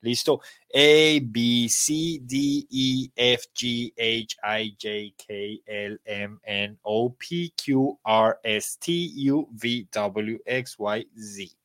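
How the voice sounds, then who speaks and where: A man's voice: medium pitch, steady tone, drawn-out words, fairly bright tone, dry recording. A Colombian man teaching a live online English class, spelling letters aloud and praising students by name. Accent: Colombian Spanish.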